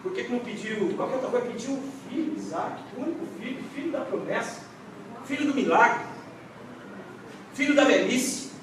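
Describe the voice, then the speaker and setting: A man's voice: very high-pitched, lively intonation, moderate pace, noisy background. A male pastor preaching a dramatic sermon at a church service. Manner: dramatic, swings from quiet to shouting. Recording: echoey church hall, distant mic.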